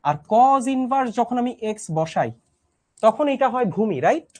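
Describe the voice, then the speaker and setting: A young man teaching a live online math class, speaking softly with a strained voice, patiently repeating each step and often checking whether students follow. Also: very high-pitched, expressive, normal speed.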